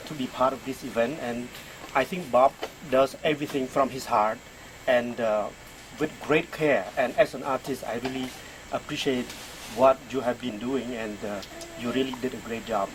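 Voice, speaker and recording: A man from Cambodia, giving a gentle, earnest thank-you speech with pauses. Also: mid-range voice, fairly even intonation, slight background noise, poor audio. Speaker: musician giving a tribute.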